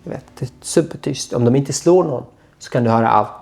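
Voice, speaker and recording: A man, a guest telling his own story in an interview, speaking in a halting, quiet voice that often trails off. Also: mid-range voice, creaky. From Syria.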